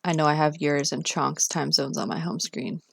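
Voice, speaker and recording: A woman's voice: deep voice, fairly even intonation, moderate pace, gravelly, slightly rough, dry recording, studio quality. A Canadian woman live streamer chatting casually with her viewers, often interrupting herself and reacting expressively.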